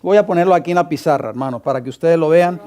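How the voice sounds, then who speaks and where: Man, pastor, church class lecture, high pitch, clean smooth tone, quizzes students. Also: racing, mellow. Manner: quizzes the class and dictates scripture references.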